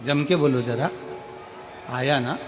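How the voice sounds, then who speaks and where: Soft music plays behind a man preaching a devotional sermon to a crowd in a large hall at a live religious gathering. Slow and medium-pitched, he tells a religious story, repeating phrases in a rising rhythm before breaking into a sung hymn.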